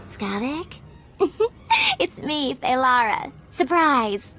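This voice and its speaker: In a video game cutscene, a woman voices a flirty, deceitful, lovesick starship captain with a coy, sugary manner and gleeful mood. Her exaggerated voice sits high and is expressive, very slow, bright and forceful, with soft background music.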